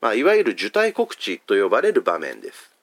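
Chatty low-voiced pastor with a Hakata lilt. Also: male voice, wildly swooping pitch, a little fast, dry recording. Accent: Hakata dialect. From Fukuoka. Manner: gentle, chatty, many fillers. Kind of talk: sermon.

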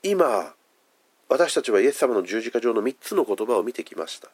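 A man preaching a sermon. He stresses key words by slowing down, then lets his phrases fall away to a hush. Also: medium pitch, sing-song, breathy edge. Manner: emphatic, drawn-out phrasing with soft, hushed endings. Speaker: pastor.

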